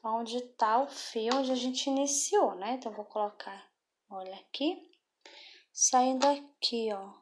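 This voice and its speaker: A woman's voice: fairly high pitch, a little slow, slight background noise. A woman giving a patient step-by-step craft tutorial, often checking in with the viewer. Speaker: craft instructor.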